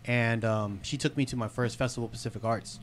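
A man in his thirties, a podcast guest from San Diego, talking about his life in a relaxed, unhurried way with fillers, into a studio mic. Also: mid-range voice, a little hiss or hum. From San Diego, California. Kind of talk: casual podcast chat. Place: small studio with red curtains. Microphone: studio mic on boom arm, headphones.

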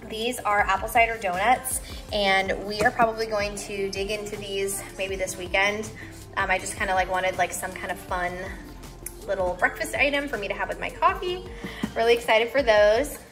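A woman's voice: mid-range voice, fairly bright tone. A young woman chatting casually in a vlog voice-over, full of "like" and "um" fillers. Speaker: lifestyle vlogger. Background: background music.

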